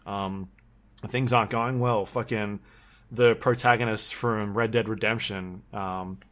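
A man with a fairly low voice co-hosts a podcast in a relaxed chat. He meanders through his points, with frequent ums and self-corrections. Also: unhurried. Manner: rambling, with many ums and restarts. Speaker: podcast co-host. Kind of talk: casual chat.

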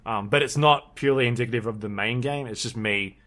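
A man's voice: mid-range voice, a little fast, fairly bright tone. A man co-hosting a podcast in casual chat, rambling along with many ums and restarts. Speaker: podcast co-host.

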